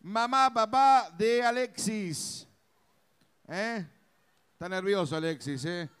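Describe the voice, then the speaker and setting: Male Argentine festival co-host, high-pitched, relaxed pace, jokey crowd banter. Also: slow, clear, resonant tone. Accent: Argentine Spanish. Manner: playful, teasing, chatty. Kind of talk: joking live stage banter. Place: outdoor festival stage.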